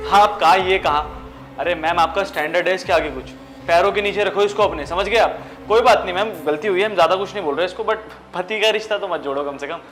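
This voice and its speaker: Man doing a snobby sneering office guy, high fast voice. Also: a bit bright. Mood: fawning. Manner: sneering, condescending, fawning to the boss. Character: snobbish rude young male office worker. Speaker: office operator.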